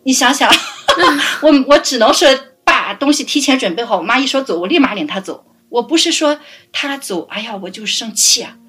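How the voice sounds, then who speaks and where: A middle-aged woman caring for her parents, telling stories in a lively way and laughing often. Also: on the high side, fairly quick, slightly rough. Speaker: family caregiver guest. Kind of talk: casual interview storytelling.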